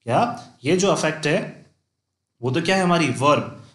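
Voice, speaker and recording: A male teacher giving an English vocabulary lesson, repeating points and slowing down to dictate example sentences. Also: on the high side, animated, echoey room. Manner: repeats points with "theek hai" checks, slows to dictate examples. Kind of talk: classroom-style lesson.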